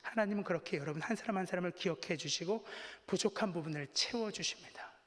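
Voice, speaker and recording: Pastor preaching in a reverberant church hall. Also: male voice, sits high, fast. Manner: conversational and self-deprecating, acting out quoted voices. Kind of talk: Sunday sermon with personal storytelling. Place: church sanctuary.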